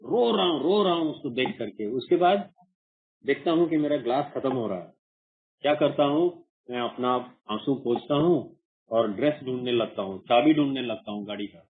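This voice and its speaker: A man's voice: medium pitch, normal speed. A man from India sharing his recovery story at an online support meeting, earnest and repetitive, sometimes acting out his own past voice. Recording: muffled phone-like online call audio.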